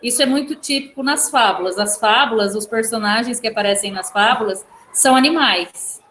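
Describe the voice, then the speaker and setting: A Brazilian woman teacher with a slightly high voice explains a poem to her class at a patient, step-by-step pace, checking in with "tá?" again and again. She sounds roomy and echoey, as if caught by a microphone across the classroom, with faint noise underneath. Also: a bit bright. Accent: Brazilian Portuguese. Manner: explains slowly, often adding "tá?". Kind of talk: classroom lesson on poetry. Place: school classroom.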